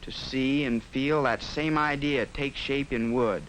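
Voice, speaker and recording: A man's voice: medium pitch, fairly even intonation, unhurried, a bit bright, lightly acted. Man as sincere schoolboy, 1950s narration, faint noise. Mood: reflective, sincere. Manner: reflective, plainspoken, sincere. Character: earnest teenage schoolboy craftsman musing to himself. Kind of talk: 1950s educational film voice-over, scripted monologue. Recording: faintly noisy 1950s film soundtrack.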